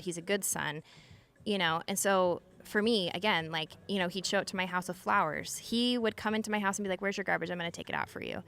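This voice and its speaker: A woman in her thirties, a podcast guest, talking candidly and casually, with many filler words, frequent swearing and quick laughs. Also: on the low side, fairly bright tone. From Utah. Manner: chatty, lots of "like" fillers and swearing, laughs often.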